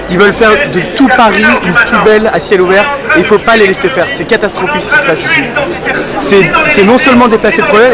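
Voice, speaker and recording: A man speaking as a political activist in a spontaneous interview, indignant and emphatic. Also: sits high. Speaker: political activist and former candidate. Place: outdoor protest in Paris. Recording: noisy crowded outdoor street.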